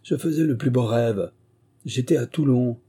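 A man's voice: mid-range voice, normal speed, warm tone, slightly rough, voice pushed up. A man voicing a boisterous, swaggering male ex-convict in an audiobook reading, speaking in a raised, exclaiming voice.

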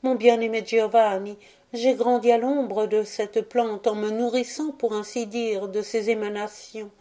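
A woman's voice: on the high side, fairly even intonation, a little slow, warm tone, close to an everyday voice. A woman reading aloud and voicing a young, sorrowful girl who speaks tenderly and pleadingly to her beloved.

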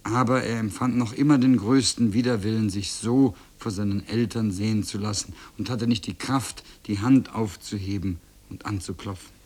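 A man reading a children's classic aloud on radio in a calm, measured storytelling voice. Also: on the low side, slightly rough. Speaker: reader.

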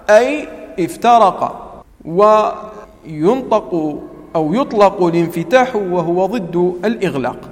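A man teaching tajweed to a class. He repeats key terms, quizzes his students and recites Quranic words slowly as examples. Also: high voice, long reverb tail. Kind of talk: classroom lecture.

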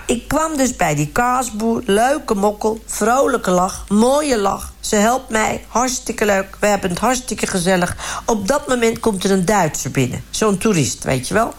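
A woman voicing a chatty, self-righteous middle-aged village man who rambles indignantly in a comic radio sketch. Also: medium pitch. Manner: rambling, indignant, repeats "hartstikke" and "gewoon".

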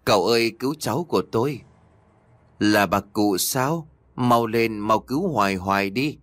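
A man's voice: on the low side, moderate pace, fairly bright tone, dry recording, close to an everyday voice. A man doing a desperate old grandmother. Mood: pleading. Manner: pleading, wailing.

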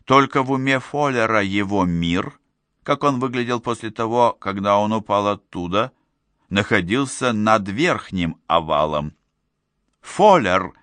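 A man narrating an audiobook in a steady, measured storytelling manner. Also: fairly low pitch, no echo. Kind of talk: scripted narration.

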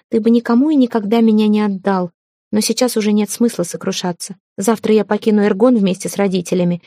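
A woman reading the part of a gentle young woman in love, speaking softly and pleading near tears. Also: medium pitch, vocal fry, no room sound, clean studio sound, natural voice. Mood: resolute.

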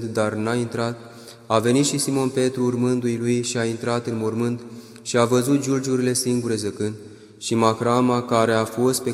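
A solemn man reads scripture in a measured liturgical way, with lines that drift into chant. His pitch stays flat and even. The sound is roomy, with a long hall reverb trailing each phrase. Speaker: scripture reader.

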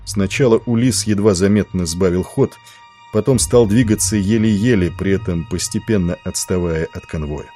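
A man narrating an audiobook in a steady, dramatic reading. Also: sits low.

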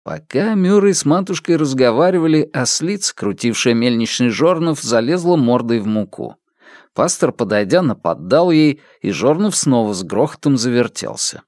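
Man narrating with a lively pitch. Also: no echo, clean studio sound. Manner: steady, measured storytelling. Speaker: audiobook narrator. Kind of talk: scripted narration.

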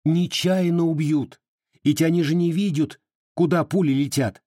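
A man voicing a fiery, impatient young Cossack woman in an audiobook, pleading and snapping with a husky edge. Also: a little high, fairly even intonation, moderate pace, mellow, no room sound, studio quality, pitched above the performer's own voice, natural voice.

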